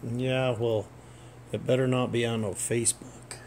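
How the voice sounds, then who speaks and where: A man's voice: medium pitch, flat delivery, unhurried, darkish tone. A man chatting casually and cooing to pets in a home video, sometimes swearing. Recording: noisy amateur home-video sound.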